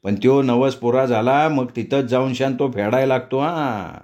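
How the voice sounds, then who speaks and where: A man voicing a rustic village woman in a storybook reading, speaking slowly in country dialect. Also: medium pitch, darkish tone, highs cut off, lightly acted. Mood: earnest. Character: village woman grinding grain, folksy.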